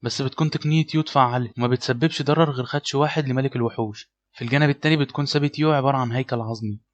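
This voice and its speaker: A man with an Egyptian Arabic accent narrating a story recap in a brisk scripted style. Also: mid-range voice, fairly even intonation. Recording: slightly dull lo-fi audio, faint music.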